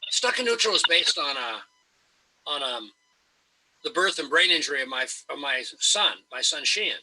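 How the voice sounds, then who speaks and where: A man's voice: on the high side, animated, normal speed, pushed and bright, husky, low-quality recording. A man being interviewed as a guest author over a video call, talking in a wry, self-mocking and long-winded way. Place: home in Spokane.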